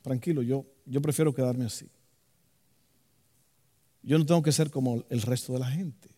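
A man preaching a lively sermon as pastor, acting out voices and joking with the congregation. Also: medium pitch, moderate pace, big-room sound.

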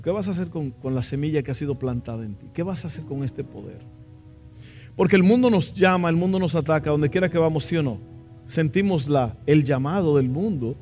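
Impassioned male pastor preaching over soft music. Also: a little high. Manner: impassioned, asks the congregation questions. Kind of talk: sermon. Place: church.

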